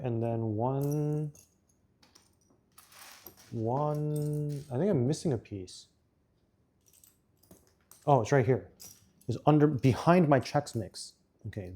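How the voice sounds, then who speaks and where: A man's voice: medium pitch, mellow. A man streaming as he builds a model set, chatting casually and talking himself through each step. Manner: slow, muttering step-by-step instructions to himself. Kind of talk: casual chat while building.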